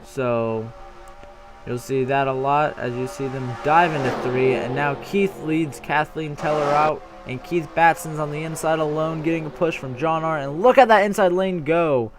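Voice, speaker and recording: A young man giving casual play-by-play commentary on a simulated stock car race, rambling and often correcting himself, getting excited when the racing gets close. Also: fairly high pitch, moderate pace, over music.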